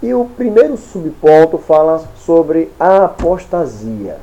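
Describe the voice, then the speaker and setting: A man with a Brazilian Portuguese accent teaching a Sunday school Bible lesson in slow, deliberate short phrases. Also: on the high side, very animated, dark tone, rough recording.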